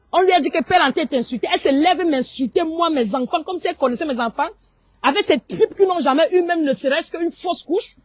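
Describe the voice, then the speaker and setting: A woman with a Cameroonian French accent speaks in a high, piercing voice. She rants hotly and confrontationally, dropping into Pidgin English as she goes. The sound is dry and close, with no room around her. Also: dry recording. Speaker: online commentator. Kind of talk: heated livestream rant.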